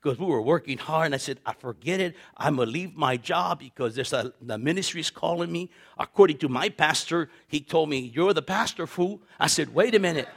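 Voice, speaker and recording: A pastor in his fifties delivers a sermon built on personal stories, staying animated, repeating words, laughing often and acting out other people's voices. His voice is a little high, gravelly and slightly rough, and he talks briskly with hardly any pauses.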